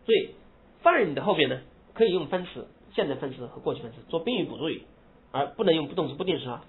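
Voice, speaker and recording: A man teaching English grammar, explaining in Mandarin and reading English example phrases slowly and with emphasis. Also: on the high side. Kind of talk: lecture. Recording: husky lo-fi phone-like recording.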